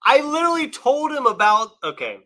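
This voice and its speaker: A man appearing as a guest on a casual livestream, excitable and quick to laugh. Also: very high voice. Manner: excitable, quick to laugh, lots of short backchannel replies. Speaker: stream guest.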